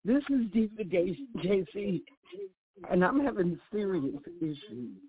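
A woman's voice: mid-range voice, sing-song. Woman on a bad, tinny phone line. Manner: halting, checking if she is heard. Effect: bad phone connection, cutting in and out. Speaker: interviewer. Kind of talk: casual phone call. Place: back room of a house.

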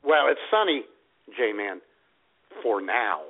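Through tinny, band-limited radio audio, an American co-host trades irreverent comic banter, mildly profane and full of exclamations. His voice is fairly low and he speaks slowly in a sing-song way.

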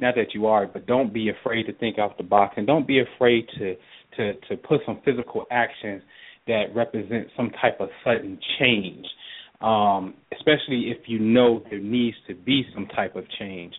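A man's voice: on the low side, husky. A man hosting a call-in astrology reading, talking in an encouraging, folksy way. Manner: encouraging, folksy, uses y'all. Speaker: astrology and tarot reader, co-host. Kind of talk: call-in reading, casual advice. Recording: tinny phone line.

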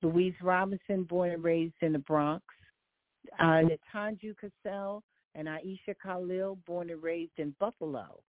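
A woman's voice: lowish voice, steady tone, unhurried, no echo. An older woman from Philadelphia, a guest singer, talking in a friendly, chatty way with many fillers during a call-in radio interview. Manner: friendly, talkative, lists details with many fillers. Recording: dry, tinny phone line.

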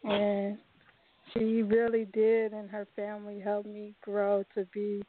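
A woman's voice: mid-range voice, completely flat delivery, slow pace, slight background noise. A woman calling in over the phone. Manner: earnest and heartfelt. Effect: heard over a phone line. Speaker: caller to a radio show. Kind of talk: call-in chat. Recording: tinny phone line.

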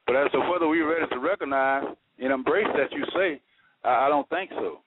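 A man's voice: mid-range voice, a little fast. A man calling into a radio show over the phone, talking in an earnest, folksy way with homespun sayings. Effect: heard over the phone. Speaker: radio call-in caller. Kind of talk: casual call-in talk. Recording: tinny phone line with static.

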